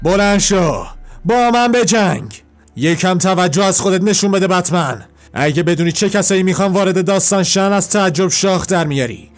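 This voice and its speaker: A man's voice: high-pitched, natural voice. A man voicing a bitter young man who poses as a lost sidekick and taunts his old mentor in a comic retelling. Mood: bitter taunting. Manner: accusing, taunting.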